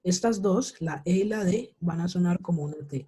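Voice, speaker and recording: Warm in tone with a breathy edge, this woman's fairly low voice moves at normal speed as she teaches an English class online via video call. She checks in with students often, patiently repeating questions to confirm they understand.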